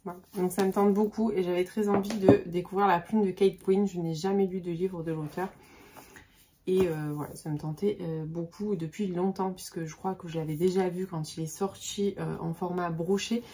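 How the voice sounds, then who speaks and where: A woman's voice: on the low side, fairly even intonation, normal speed, noisy background. A woman in her forties chatting casually about books on her vlog, hesitant with many fillers and restarts. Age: 40s. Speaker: book vlogger. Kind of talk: casual book vlog chat.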